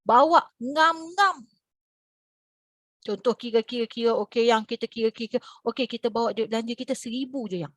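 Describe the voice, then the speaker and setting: A woman from Malaysia, a religious teacher, telling a story to her class over a video call in a lively, expressive way. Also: normal speed, dry recording. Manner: animated, expressive, swings in pitch and loudness.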